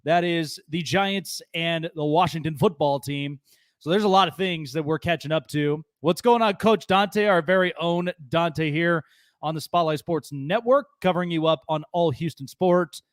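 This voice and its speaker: High-pitched male sports talk host, dry sound. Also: moderate pace, no echo. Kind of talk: live sports talk commentary.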